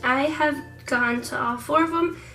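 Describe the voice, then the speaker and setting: A woman's voice: high voice, a little slow, bright, forceful tone, recorded from a distance, low-quality recording. Chatty, giggly woman vlogger in her twenties. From Netherlands. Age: 20s. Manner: chatty and giggly, laughs often. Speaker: vlogger co-host. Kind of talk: casual Q&A chat.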